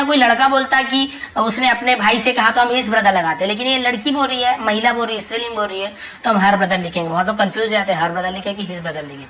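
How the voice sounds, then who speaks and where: Bright-voiced woman teaching English. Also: fairly high pitch, a little hiss or hum, poor audio. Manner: slow word-by-word glossing with rhetorical questions; frequent checking "ठीक है". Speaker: English tutor. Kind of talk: explaining an English story line by line.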